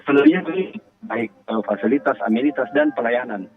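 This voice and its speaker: A man's voice: mid-range voice, faint music behind. A man heard through a telephone line, the audio dull and muffled. He speaks formally, stopping often on fillers as he gathers his words. He is a guest phoning into a live radio show. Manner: formal, pauses with frequent fillers. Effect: heard over a phone line. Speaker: interview guest. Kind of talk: live radio phone interview.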